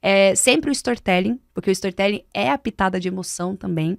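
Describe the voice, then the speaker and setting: A woman's voice: medium pitch, brisk, vocal fry, no echo, studio quality. A Brazilian woman mentor explaining speaking techniques on a podcast, emphatic and didactic. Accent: Brazilian Portuguese. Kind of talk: podcast conversation. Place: podcast studio.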